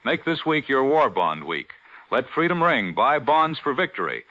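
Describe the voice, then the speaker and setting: A man as a bright AM radio announcer. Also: mid-range voice, very animated, moderate pace, dry recording. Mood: rousing. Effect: AM radio broadcast sound. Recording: dull lo-fi dry radio sound.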